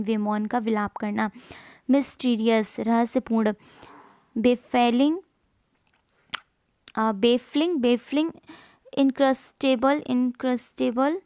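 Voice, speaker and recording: A woman reads vocabulary lists in a slow, steady drill. Her voice sits a bit high and the recording is close and dry. She repeats each group and spells out tricky words letter by letter. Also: clear, resonant tone, no room sound, poor audio. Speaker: teacher.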